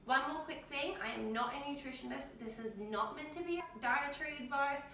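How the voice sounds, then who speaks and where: A woman's voice: sits high, a little fast, pushed and bright. Tired, chatty Australian woman in an echoey kitchen. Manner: chatty, offhand, colloquial. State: tired, in pain. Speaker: health vlogger. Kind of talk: casual kitchen vlog. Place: home kitchen with windows open. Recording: very echoey kitchen, distant mic, faint noise.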